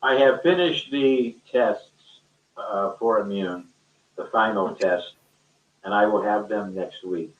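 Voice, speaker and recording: Slow and lowish, his voice drifts through unscripted, colloquial remarks delivered with emphasis as a teacher in an online discussion. The call sounds dull and echoey, as though the microphone sat far away.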